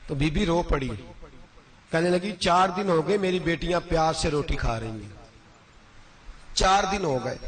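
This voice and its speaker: A man's voice: high voice, a bit bright. A male preacher telling a story in a sermon, passionate and climbing sharply at emotional points.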